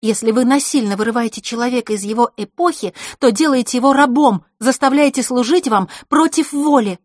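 A woman's voice: on the high side, normal speed, darkish tone, slightly rough, no room sound, studio quality, voice pushed up. A woman voicing a principled, stubborn young girl who earnestly objects.

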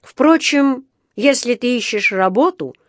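Lady putting on a grumpy storybook gatekeeper guy, sneering and loud, dry sound. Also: a little high, expressive, measured pace, no echo, pitched above the performer's own voice. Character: mocking unfriendly male factory gatekeeper.

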